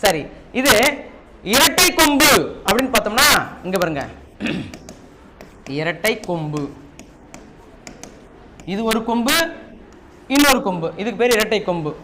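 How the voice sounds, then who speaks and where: A man's voice: high voice, sing-song, a little slow, long pauses. A man teaching a Tamil class with a Tamil Nadu accent, repeating key points and quizzing his students. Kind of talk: classroom lesson. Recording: noisy classroom recording.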